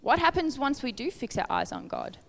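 A woman's voice: sits high, huge pitch swings, fairly quick, a bit bright, big-room sound. A woman giving an informal, conversational sermon, earnest and questioning toward her listeners. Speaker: preacher. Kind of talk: informal sermon with Bible reading.

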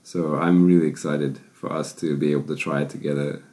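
Deep-voiced Zimbabwean man co-hosting. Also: steady tone, brisk, darkish tone. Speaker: podcast co-host. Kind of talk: casual podcast chat.

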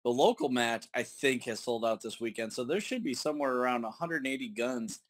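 A man's voice: medium pitch, fairly quick. An upbeat man co-hosting a podcast, chatting enthusiastically. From New York. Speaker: podcast co-host. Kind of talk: casual podcast chat.

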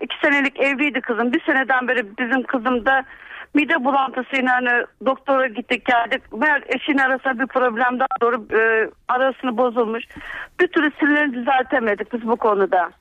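A woman's voice: sits high, fairly quick, a bit bright, no room sound. A middle-aged woman calling in to a radio show over a landline phone, explaining her worry in a rambling, familiar way. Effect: heard over a landline phone. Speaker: caller to a radio health show. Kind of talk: phoning in with a question. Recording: muffled phone line.

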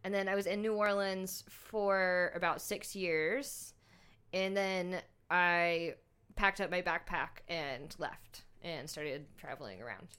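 Bright-voiced chatty woman in her thirties. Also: fairly low pitch, takes it slowly, clear, resonant tone. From Louisiana. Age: 30s. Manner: chatty, laughs a lot, swears. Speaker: guest. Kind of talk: casual chat.

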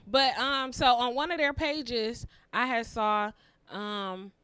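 A woman's voice: on the high side, steady tone, slow pace, a bit bright, clean tone, dry recording. A woman co-hosting a casual podcast chat, laid-back and slangy, often trailing off with fillers. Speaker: podcast co-host.

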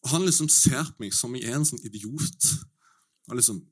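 A man telling a comic story on stage in a lively, slangy way, swearing and mimicking the people he meets. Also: medium pitch, husky. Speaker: stand-up comedian. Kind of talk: stand-up storytelling.

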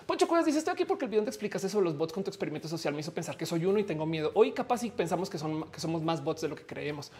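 Speaking very fast with few pauses, a Mexican Spanish-accented livestream host chats casually in a fairly low, darkish voice with big pitch swings. Her talk is jokey and informal, packed with fillers and restarted phrases.

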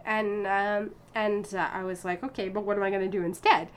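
Fairly quick and clean in tone, her mid-range voice carries an animated, laugh-filled account of her life. She is an American violinist in her thirties, a guest in a casual interview who frequently restarts and leans on fillers.

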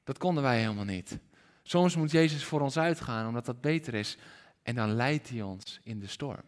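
A man preaching a sermon to a congregation in a hall, animated and questioning his listeners directly. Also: mid-range voice, moderate pace. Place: church hall with congregation and livestream. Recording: reverberant hall.

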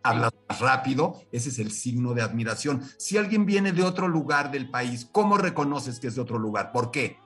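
A Mexican man teaching music as a radio guest, lecturing with lively rhetorical questions and sung examples. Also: mid-range voice, moderate pace, few pauses, distant mic. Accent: Mexican Spanish. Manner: animated, lecturing, sings short examples. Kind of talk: radio interview lesson.

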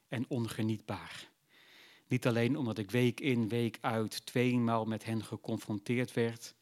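A man narrating a literary novel in a measured, reflective storytelling voice. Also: lowish voice.

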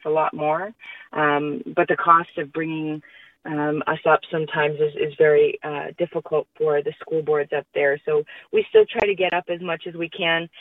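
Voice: mid-range voice, no echo. A middle-aged musician chatting casually as a guest in a radio interview. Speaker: musician guest in a band duo. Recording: distant phone-like radio call.

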